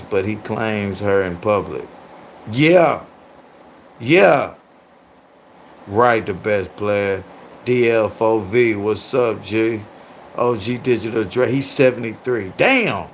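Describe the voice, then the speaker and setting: A man in his thirties hosts a casual livestream, reacting to viewer comments in a loud, animated and crude way and laughing often. His voice is fairly low, with slight background noise.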